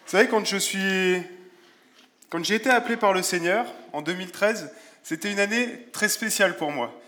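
A man preaching a sermon in a relaxed, conversational way, with self-deprecating humor and Bible verses read aloud. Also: sits high, moderate pace. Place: church.

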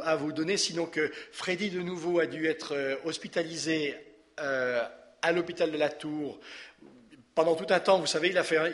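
A man's voice: fairly high pitch, fairly bright tone. A man, leading a church service, giving announcements and a blessing in a conversational, hesitant way with many fillers. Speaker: pastor. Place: church hall.

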